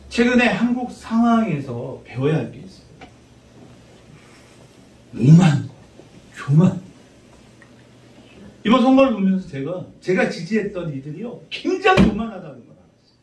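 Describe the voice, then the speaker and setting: A middle-aged man preaching a sermon as pastor, conversational and animated, teasing his congregation. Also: high-pitched. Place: church sanctuary. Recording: roomy church sound from a distant mic.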